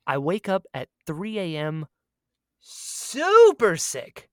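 Speaking slowly in a lowish voice, the woman co-hosts a podcast and recounts a story in a lively, casual way, performing her own lines dramatically. It's a dry, clean studio recording.

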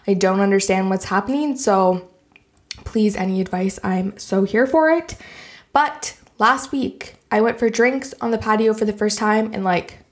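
A woman's voice: mid-range voice, a little slow. A woman with a Canadian accent hosting a solo podcast in a casual, chatty, enthusiastic and informal way. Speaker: podcast host.

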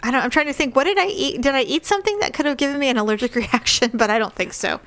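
A woman's voice: sits high, lively intonation, racing, fairly bright tone. A woman podcast host with slightly thick-tongued speech from allergies, chatting casually in an irreverent, joking manner. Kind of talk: casual comedic chat.

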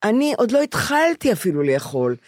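A woman's voice: fairly high pitch, big pitch swings, darkish tone, dry recording, studio quality. An older woman chatting casually, telling her stories emphatically and often repeating herself. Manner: emphatic, repetitive storytelling. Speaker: podcast co-host. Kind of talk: casual chat.

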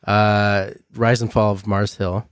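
Relaxed guy rambling on a podcast, dry close sound. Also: on the low side, slow, clean tone, dry recording. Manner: laid-back, rambling. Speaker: podcast co-host. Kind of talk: casual chat.

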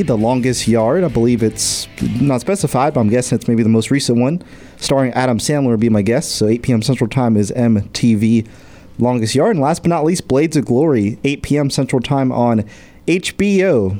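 A man co-hosting sports radio, racing through the evening TV listings in a hurried, lively way. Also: mid-range voice. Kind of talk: rushed TV listings read on air. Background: guitar music.

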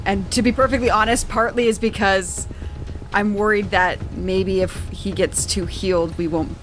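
A woman's voice: medium pitch, fairly even intonation, normal speed, poor audio. A woman playing a tabletop role-playing game, describing her character's actions and talking tactics. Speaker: player.

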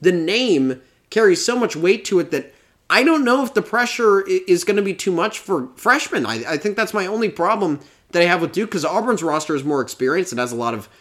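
A man with a fairly high voice breaks down college basketball in casual talk. He is opinionated and reels off stats. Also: lively intonation, brisk, fairly bright tone. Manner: opinionated, reels off rankings, laughs now and then.

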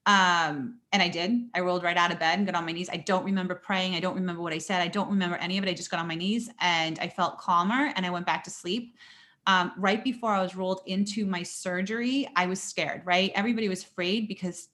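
A woman guest on a podcast interview, telling her story in an animated way with frequent laughs, fillers and restarts. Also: fairly low pitch, fast.

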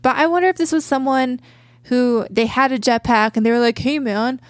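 A woman's voice: high voice, a little fast, dry recording. A woman chatting casually as a podcast co-host, with an informal, speculative storytelling manner. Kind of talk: casual chat.

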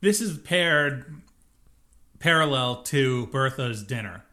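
A podcast co-host with a medium-pitched, animated, pushed and bright voice chats casually and slowly through an episode recap. He rambles and corrects himself often.

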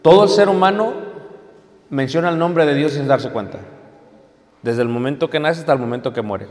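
A man's voice: a little high, moderate pace, a little mellow. A man teaching a class, explaining step by step and often checking in with his listeners. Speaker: teacher of biblical Hebrew. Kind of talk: classroom lecture. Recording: long hall reverb.

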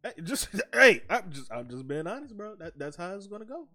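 A man's voice: high-pitched, sing-song, brisk, pushed and bright, soft background music. An American man hosting a casual podcast with friends, slangy and insistent, repeating phrases for emphasis. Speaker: podcast host.

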